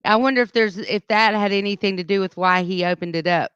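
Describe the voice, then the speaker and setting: A woman's voice: medium pitch, fairly quick, a bit bright, clean tone, no room sound, muffled recording. Southern woman co-hosting morning radio. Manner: chatty, reads news then riffs casually. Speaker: radio co-host. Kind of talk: casual morning radio chat. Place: radio studio. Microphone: studio microphone.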